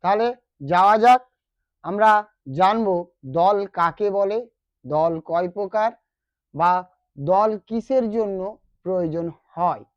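A teacher with a West Bengal accent walks students through a grammar lesson at a very unhurried pace. Key terms come back again and again, with questions put to the class. The voice sits mid-pitched in a dry, close recording. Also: dry recording, muffled recording. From West Bengal, India.

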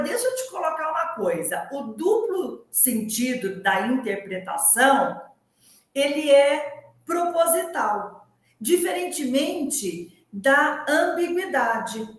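A woman's voice: sits high, very echoey. A Brazilian woman hosting a talk show, explaining Portuguese grammar in an emphatic, didactic way with frequent restarts and laughter.

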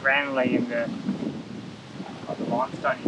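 A man's voice: medium pitch, flat delivery, moderate pace, dull audio. A man in his thirties with an Australian accent, chatting casually on a beach for a travel vlog. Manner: laid-back, chatty. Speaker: travel vlogger. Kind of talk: casual chat. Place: outdoors on a tropical beach. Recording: wind and outdoor noise.

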